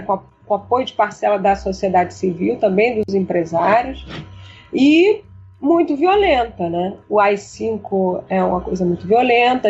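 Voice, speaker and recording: A woman's voice: fairly high pitch, a little mellow. A woman professor answering interview questions on a podcast, thoughtful and hesitant, often restarting her sentences. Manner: hesitant, many restarts and fillers. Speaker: philosophy professor, guest. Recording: dull, lo-fi audio with faint music.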